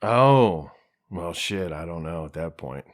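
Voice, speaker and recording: A man's voice: deep voice, animated, takes it slowly. A man co-hosting a podcast in casual chat, wry and joking, swearing freely. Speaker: podcast co-host. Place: home, separate from co-host.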